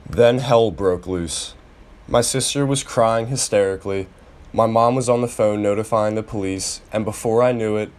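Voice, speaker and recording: Low-voiced young man reading a memoir. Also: a little mellow. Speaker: student reading a personal memoir. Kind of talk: read-aloud personal narrative.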